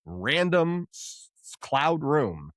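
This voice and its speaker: Animated storytelling man, dry close mic. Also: fairly high pitch, extremely slow, no echo. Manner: animated storyteller, acts out quoted voices. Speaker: podcast host. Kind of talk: casual interview chat.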